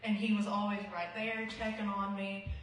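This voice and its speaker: Quiet, earnest woman in an echoey hall. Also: medium pitch, flat delivery, normal speed, a little hiss or hum. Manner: self-described quiet, not a talker; earnest and heartfelt. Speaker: eulogy speaker. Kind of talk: memorial speech. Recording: echoey hall, mic far off.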